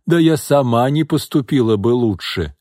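A man voicing a feisty old woman servant who talks loudly and bluntly, scolding. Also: medium pitch, expressive, unhurried, slightly rough, no echo, studio quality. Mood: fierce gleeful.

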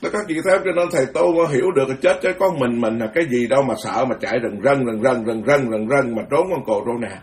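A man's voice: mid-range voice, fast talker, few pauses, recorded from a distance. A male Buddhist monk gives a blunt, frank, scolding dharma talk and chants sutra verses.

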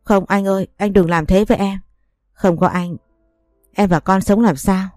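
A woman's voice: mid-range voice, steady tone, normal speed, warm tone, dry recording, soft background music, natural voice. A woman reading the lines of a tearful young wife begging her husband. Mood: pleading. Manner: begging, sobbing.

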